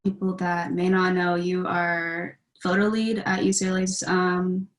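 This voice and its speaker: A young woman hosts a podcast interview. Her voice sits a little low, and she asks her questions in an easy, conversational way. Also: flat delivery, measured pace. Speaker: podcast host.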